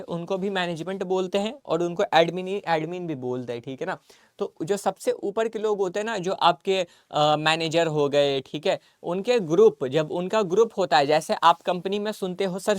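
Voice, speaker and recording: A man's voice: high voice, dry recording, clean studio sound. A male commerce teacher giving a casual lecture, mixing in English terms and answering the questions he puts in his students' mouths. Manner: mixes Hindi with English terms, repetitive and coaxing. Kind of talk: classroom lecture.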